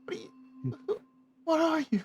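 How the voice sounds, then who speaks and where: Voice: sing-song, normal speed, exaggerated voice. A scared, crying little boy. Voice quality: high, tearful and pleading.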